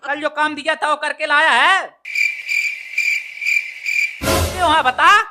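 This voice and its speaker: A performer playing a short-tempered male schoolteacher who keeps shouting insults at his pupils in a comedy skit, over loud background music. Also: high voice, slow pace. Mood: furious.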